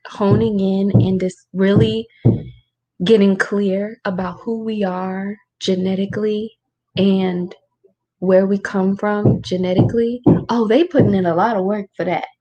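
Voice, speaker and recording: A woman spiritual teacher hosting a casual Q&A from a room at home. She keeps her voice lowered and talks in an informal, rhetorical way, often checking in with "right?". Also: steady tone, measured pace, mellow. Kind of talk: casual livestream talk with Q&A.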